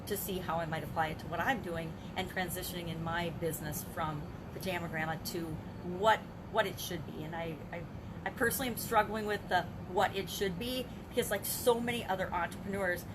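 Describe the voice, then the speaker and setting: An older woman who works as a business coach talks through her day in a casual video journal, her voice lowish and fairly quick. She is reflective, poses rhetorical questions to herself, and restarts her sentences, with background noise audible.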